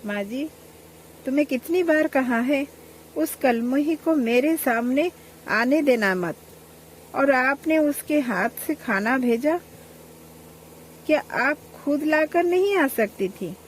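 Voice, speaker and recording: A woman's voice: high voice, lively intonation, slow, slight background noise, voice pushed up. A woman voicing a spiteful, pregnant elder daughter-in-law who screeches insults in a storybook tale. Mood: complaining.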